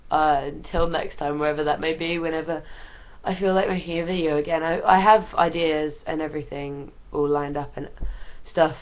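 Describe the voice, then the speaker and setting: A young woman chats to her camera from home, ill and sounding under the weather. Her voice sits slightly low and she rambles along with fillers. The recording is dull and lo-fi. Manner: rambling, chatty, lots of ums and likes. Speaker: vlogger. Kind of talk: casual chat to camera. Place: at home, wrapped in a blanket.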